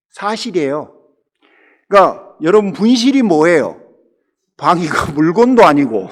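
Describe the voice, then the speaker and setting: Lively, joking Korean pastor preaching. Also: male voice, high-pitched. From Jeolla region, Korea. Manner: humorous, conversational preaching that keeps addressing the congregation. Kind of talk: sermon. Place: church sanctuary.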